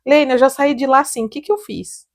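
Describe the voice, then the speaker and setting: A young Brazilian woman, a salon owner, telling animated stories on a casual podcast, laughing often and acting out what people said. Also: high-pitched, a little fast. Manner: animated storytelling, laughs often, acts out quotes.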